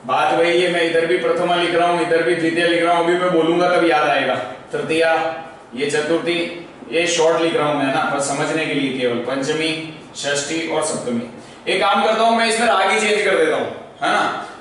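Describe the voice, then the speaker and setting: A male school teacher giving a classroom lecture, chanting grammar forms in a slow sing-song tune and checking in often with "okay?". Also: a little high, a bit bright. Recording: very echoey, far from the mic, faint noise.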